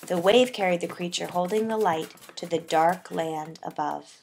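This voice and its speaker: A woman with a slightly low voice narrates a poetic story for a puppet show, measured and deliberate, her phrases softening as they close. There's some vocal fry and slight background noise.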